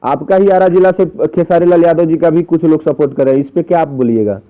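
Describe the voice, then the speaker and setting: This is a recorded phone interview in which a man with a slightly high voice talks fast, questioning someone persistently and repeating what he says. The call recording is dull and muffled.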